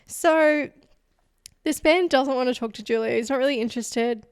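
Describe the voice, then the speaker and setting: A woman co-hosting a podcast, narrating a true crime case in a relaxed, chatty way and teasing her co-host. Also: high voice, moderate pace, clear, resonant tone, no echo, studio quality. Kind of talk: casual storytelling chat.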